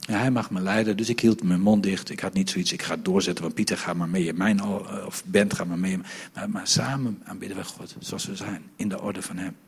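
Male preacher, very husky voice, lively sermon, loud then soft. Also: low voice, fairly quick. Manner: lively, jokes with the congregation, shifts between loud and soft.

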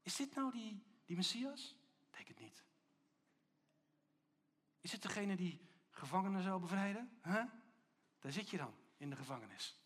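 A hushed, sneering voice of doubt, as a man puts it on, murmuring taunting questions. It is a whispered role-play inside a sermon, low and needling. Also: very animated, unhurried, pauses often, full character voice.

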